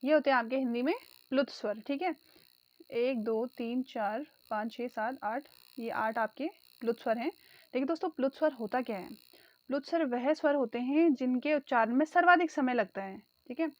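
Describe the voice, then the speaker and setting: High-voiced woman teaching exam prep. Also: moderate pace, no room sound. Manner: addresses viewers as friends, repeats key answers. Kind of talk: online exam-prep lesson.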